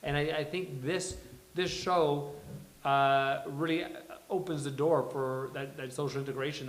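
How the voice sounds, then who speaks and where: Before a live table read, a man hosts a rambling, jokey panel chat in an event room with a small audience. He has a mid-range voice. The recording is echoey and carries a bit of hiss or hum.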